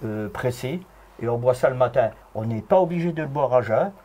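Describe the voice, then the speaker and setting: A man's voice: mid-range voice, lively intonation, brisk, mellow. A man with a Lorraine accent, explaining home health remedies in a folksy, chuckling way during a casual chat. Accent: Lorraine French. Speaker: guest herbal health advisor.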